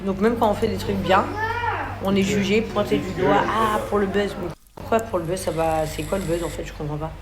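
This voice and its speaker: A woman's voice: mid-range voice, fairly even intonation, brisk. Indignant woman, phone selfie video, lots of noise behind. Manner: rambling, frequent hesitations, indignant. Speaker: social media personality. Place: doctor's office. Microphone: phone camera. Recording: loud background noise.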